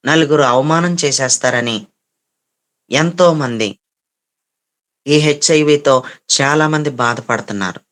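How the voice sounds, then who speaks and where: A man preaches a sermon in a voice that sits somewhat high. He speaks with passion and keeps asking rhetorical questions. He repeats his phrases over and over to drive each point home. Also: a bit bright.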